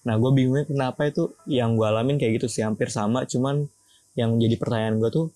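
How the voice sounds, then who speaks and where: Mellow man in a dry recording. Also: mid-range voice, fast, dry recording. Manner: relaxed, slangy recounting. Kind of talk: casual chat.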